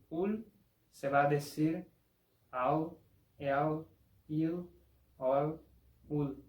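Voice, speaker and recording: Slow, deliberate man. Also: a little high, darkish tone, roomy sound, a little hiss or hum, rough recording. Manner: slow and deliberate, spells out and repeats each sound. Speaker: language teacher. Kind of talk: pronunciation lesson.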